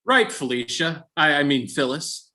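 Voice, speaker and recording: Man acting a bright-voiced amorous husband. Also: a little high, expressive, measured pace, full character voice. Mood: coaxing. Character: amorous husband, teasing and coaxing. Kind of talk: live script reading, comedic.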